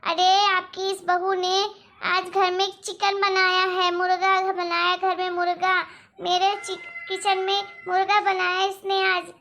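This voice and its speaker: A furious, very high-pitched cartoon mother-in-law scolds and wails, voiced by a woman. She is strict and sharp-tongued, always on the attack. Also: little pitch movement, a little slow. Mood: shrieking. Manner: shrieking, scolding. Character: shrill angry older mother-in-law. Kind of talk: animated story voice acting.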